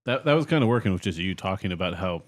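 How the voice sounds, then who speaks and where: A man co-hosting a podcast in casual chat, making quick, skeptical quips. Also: deep voice, lively intonation, noisy background. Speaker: podcast co-host.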